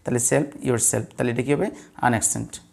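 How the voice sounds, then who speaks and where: A man's voice: medium pitch, steady tone, a little fast, creaky. A man teaching an English pronunciation lesson to students, patiently repeating rules and answering his own questions. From Bangladesh. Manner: patient, repetitive, asks students questions and answers them himself. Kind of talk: blackboard lesson explaining word stress.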